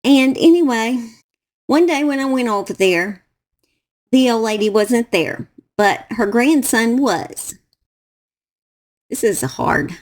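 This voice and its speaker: A middle-aged woman with a Southern US accent tells a personal story to camera, halting, emotional and repeating her phrases. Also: fairly high pitch. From Southern United States. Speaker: true crime YouTuber.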